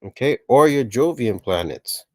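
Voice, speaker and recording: A man's voice: medium pitch, lively intonation, unhurried, no echo. A man explaining a science reference table as a teacher, talking casually and often checking in with "okay" and "right". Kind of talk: explainer lesson narration.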